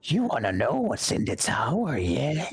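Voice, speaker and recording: A man voicing a pushy, sneaky little voice in someone's head for a tabletop game, raspy and bossy. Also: medium pitch, wildly swooping pitch, measured pace, faint music behind, exaggerated voice. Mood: sly, coaxing. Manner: bossy, streetwise, conspiratorial. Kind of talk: tabletop role-play character voice.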